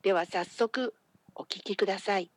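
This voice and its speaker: Polite, breathy-voiced woman hosting a podcast. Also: medium pitch, moderate pace, no room sound. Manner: polite, welcoming greeting. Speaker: business English consultant, podcast host. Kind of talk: scripted podcast introduction.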